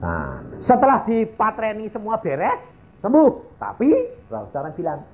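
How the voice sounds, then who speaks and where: A man's voice: high-pitched, unhurried, reverberant, dull audio, slight background noise. A male evangelist tells a story in a sermon, acting out each of its characters. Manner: animated, acts out the characters in his story.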